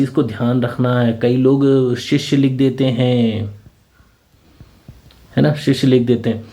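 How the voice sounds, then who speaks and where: A male tutor runs through vocabulary for competitive exams. He speaks in a mellow, relaxed voice at an ordinary pitch. He explains patiently and often ends a point with a checking question. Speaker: teacher. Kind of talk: exam-prep vocabulary lesson.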